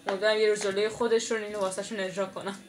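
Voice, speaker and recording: A woman's voice: mid-range voice, flat delivery, background noise, close to an everyday voice. A woman playing a hesitant, polite female contestant at a singing audition, in a comedy sketch. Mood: earnest. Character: nervous female talent-show contestant.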